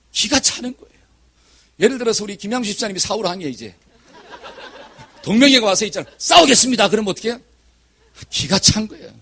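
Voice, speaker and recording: A male pastor preaching a sermon, telling a story with lively energy and asking the congregation questions. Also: high voice, slightly rough.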